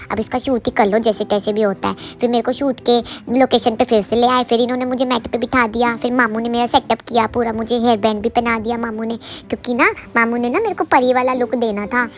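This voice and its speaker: A woman doing a playful, childlike voice-over in her baby's first person, mock-complaining about a photo shoot. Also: fairly high pitch.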